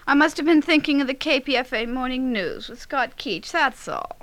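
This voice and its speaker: An actor playing a sleepy, coy wife in a radio comedy sketch. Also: female voice, sits high, animated, normal speed, fairly bright tone. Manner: drowsy, coy. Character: dreamy wife sleepily mumbling.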